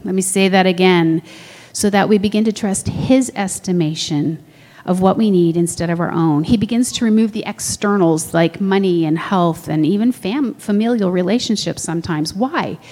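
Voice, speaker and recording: A woman's voice: moderate pace, darkish tone. Woman preaching in a reverberant hall. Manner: conversational, asks the room questions; acts out quoted voices with big pitch jumps. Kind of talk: sermon.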